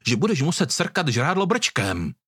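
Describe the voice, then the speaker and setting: A man's voice: a little high, huge pitch swings, a bit bright, husky, no room sound, clean studio sound, pitched above the performer's own voice, exaggerated voice. A man reading the part of a commanding young man standing up for his friend. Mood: menacing. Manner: stern, commanding. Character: young man, protective and threatening.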